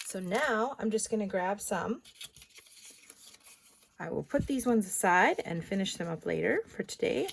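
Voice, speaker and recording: Woman, card-crafting tutorial host, gravelly chatty delivery, faint background noise. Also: medium pitch. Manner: chatty, thinks aloud, drops into soft asides. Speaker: card-making demonstrator.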